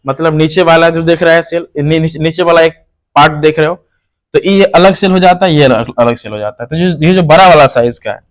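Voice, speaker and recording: A man teaching a biology lesson online, who asks his students questions and then answers them himself, repeating the key terms. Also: fairly high pitch. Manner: calls the viewer "hero". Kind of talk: online lecture.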